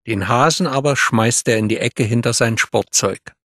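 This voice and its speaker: A man tells a language-course story in a clear, even narrator voice. His pitch is mid-range. It is recorded dry on a close studio mic. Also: normal speed, no echo.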